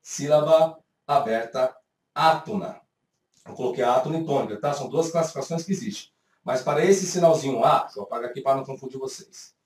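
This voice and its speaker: A man's voice: mid-range voice, fairly quick, a little mellow. A man with a Brazilian Portuguese accent teaching a grammar lesson step by step, voicing his students' questions himself. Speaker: Hebrew teacher. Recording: echoey room, voice from a distant mic.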